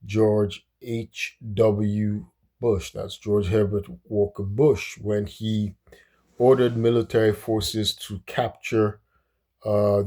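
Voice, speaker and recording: A man's voice: lowish voice, warm tone. A man from Nigeria giving casual solo commentary on politics, speaking hesitantly with many fillers and restarts.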